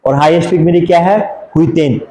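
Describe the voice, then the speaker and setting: A man's voice: on the high side, fairly even intonation, quick pace, dark tone, a little hiss or hum. Hindi-speaking male teacher, echoey room. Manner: keeps asking rhetorical questions; drawls and repeats place names. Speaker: geography teacher. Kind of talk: map lesson for exam students.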